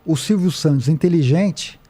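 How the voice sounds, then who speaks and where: A man with a Brazilian accent, a podcast guest who tells a story in an animated way and quotes people as he goes. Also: fairly high pitch, moderate pace, breathy edge. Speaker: podcast guest, documentary director. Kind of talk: casual podcast conversation. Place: podcast studio.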